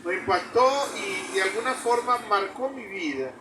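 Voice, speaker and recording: Male preacher, high-pitched, storytelling sermon, noisy background. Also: animated. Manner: slow storytelling with repetitions. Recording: distant mic with background noise.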